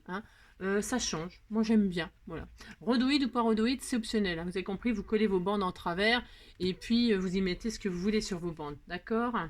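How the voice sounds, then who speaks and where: A woman hosting a chatty crafting tutorial, rambling and self-mocking, talking to herself as she works. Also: mid-range voice. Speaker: craft video host.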